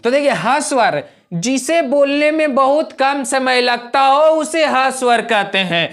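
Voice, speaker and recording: A man's voice: very high voice, expressive, unhurried, a bit bright. A male teacher leading a grammar lesson, repeating each point again and again and quizzing his students. He stretches out vowel sounds to show how long they take. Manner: draws out vowel sounds in demonstration.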